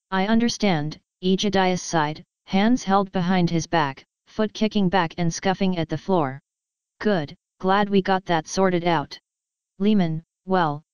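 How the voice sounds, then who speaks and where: A woman's voice: on the low side, smooth, dry recording, low-quality recording. A woman reading a fan story aloud, speaking the character tags and stage directions plainly. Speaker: fan fiction reader. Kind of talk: reading a story aloud, voicing all parts lightly.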